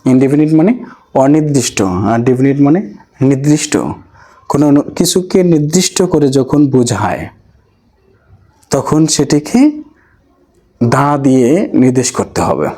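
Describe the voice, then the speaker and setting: A man's voice: medium pitch, moderate pace, long pauses, dark tone. A man teaching English grammar, who explains step by step and keeps asking his students questions. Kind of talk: classroom-style lesson.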